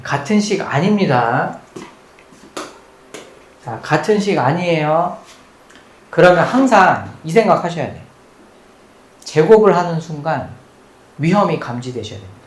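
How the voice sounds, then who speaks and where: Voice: mid-range voice, animated, a little slow, long pauses. A math teacher giving a recorded lecture at the board. The teacher repeats key points and quizzes the students, mixing polite and casual speech. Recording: roomy echo with faint background noise.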